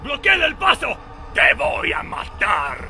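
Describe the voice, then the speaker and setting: A man voicing a hostile, frenzied villager enemy from a horror video game, yelling urgent threats. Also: a little high, wildly swooping pitch, drawn-out words, vocal fry, pitched above the performer's own voice, full character voice. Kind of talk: video game dubbing demonstration.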